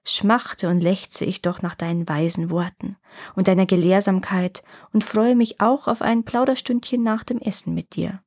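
A woman voicing a sly, poor old grandfather who flatters and feigns offense. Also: mid-range voice, moderate pace, close to an everyday voice. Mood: flattering. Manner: wheedling and flattering, then mock-offended.

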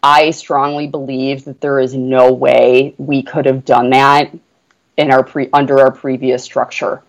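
A portfolio manager appears as a guest on a business podcast, talking about her work earnestly and enthusiastically with many "you know" fillers. Her voice is extremely low-pitched, delivered flatly at a measured pace. The audio is dull.

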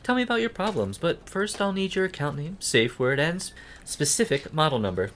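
A man's voice: fairly high pitch, sing-song, a little fast, fairly bright tone. A man playing a courteous, patient helpline agent, working through procedure in busy call center fashion. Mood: brisk, procedural. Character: polite, patient male helpline agent named Lawrence. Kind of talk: scripted customer service call, acted comedy. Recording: faint background noise and ambience.

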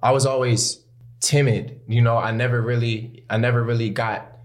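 An American man speaks in a mid-range voice, casually and openly. His talk is loose and slangy, as in a relaxed conversation among friends who make music. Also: medium pitch, normal speed. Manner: slangy, candid, peppered with "bro" and "you know". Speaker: musician, rapper. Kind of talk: casual podcast-style chat.

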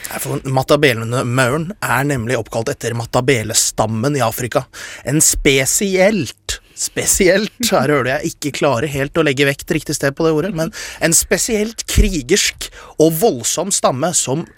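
A man's voice: mid-range voice, no echo. Eager male science host, dry sound. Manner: enthusiastic, gets carried away and talks fast. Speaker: radio show host. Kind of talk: casual science chat.

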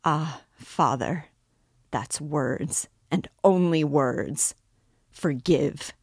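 A woman's voice: low-pitched, drawn-out words, a little mellow, husky, no room sound, studio quality, heavily acted. A woman voicing a desperate, consumptive poor wife who speaks in bitter, frantic outbursts.

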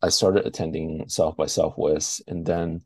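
Man in his forties from Malaysia, very low voice, dry close sound, measured interview guest. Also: little pitch movement, warm tone, husky, no room sound. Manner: thoughtful, searching for words. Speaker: guest filmmaker. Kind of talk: interview answers.

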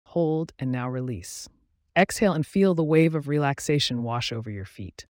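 A man guiding a relaxation meditation in a calm, soothing, measured way, giving instructions with pauses. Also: mid-range voice, no echo, clean studio sound. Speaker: meditation guide. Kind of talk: guided relaxation meditation narration.

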